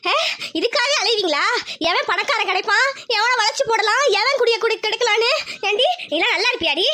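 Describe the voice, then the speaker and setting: A contemptuous village woman in a cartoon, played by a woman throws out taunts in a very high, shrill voice. Her tone is bright and cutting, full of scorn. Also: fairly quick. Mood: scornful. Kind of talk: Tamil village cartoon voice acting.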